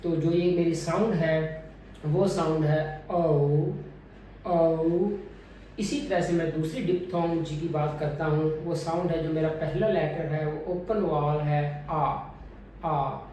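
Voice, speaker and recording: A man teaching a phonetics lesson, deliberately modelling each vowel sound over and over. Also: on the high side, steady tone, warm tone, a little hiss or hum. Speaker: English pronunciation teacher. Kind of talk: phonetics lesson with drilled repetitions. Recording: very echoey room, mic at a distance.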